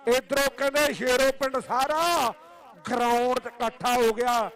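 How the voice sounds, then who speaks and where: High-pitched Punjabi man announcing kabaddi. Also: steady tone, unhurried, a bit bright. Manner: declamatory, repeating phrases. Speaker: kabaddi commentator and tournament announcer. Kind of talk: live sports commentary and announcements.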